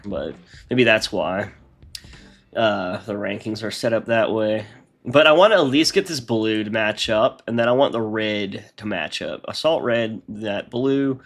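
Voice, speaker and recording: Man, blocked-up nasal voice, casual streamer chatter, thinks aloud as he goes, soft music underneath. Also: on the low side, vocal fry. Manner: rambling, talks through his work aloud. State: congested, nasal. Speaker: game modding streamer. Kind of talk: casual live-stream chat.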